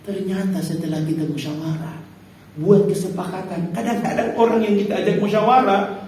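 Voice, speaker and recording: A male preacher giving an animated mosque sermon, acting out prayers and speaking to the congregation. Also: high voice, a little fast. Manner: lively, animated, acts out prayers, addresses audience as Pak. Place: mosque hall. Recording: very echoey hall, mic far off.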